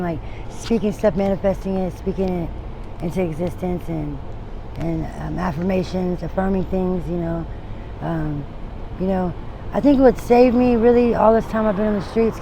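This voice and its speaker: Gravelly forty-something woman on a noisy street. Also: fairly low pitch. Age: 40s. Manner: rambling and frank, with many restarts and trailing thoughts. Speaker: interviewee. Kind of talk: candid street interview. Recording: noisy outdoor street recording with traffic.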